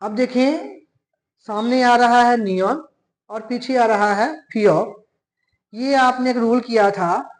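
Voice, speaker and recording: Slow, deliberate Pakistani man teaching. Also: very high-pitched, rough recording. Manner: slow and deliberate, spelling out syllables one by one. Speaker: language teacher. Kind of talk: classroom lesson explanation.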